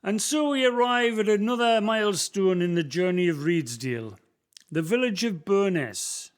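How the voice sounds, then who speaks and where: Billy, the old local guide in a community radio play, is voiced by a Northumbrian-accented actor leading a visitor through the valley's history. The voice is high and smooth, with lively intonation and a normal speed. He tells tales in broad dialect with a folksy storyteller's touch.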